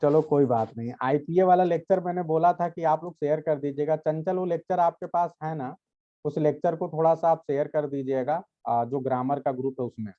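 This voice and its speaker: Briskly, in a slightly high voice, a man lectures his class on English grammar, patiently explaining, checking often that they understand, and addressing them directly. The recording has its highs cut off.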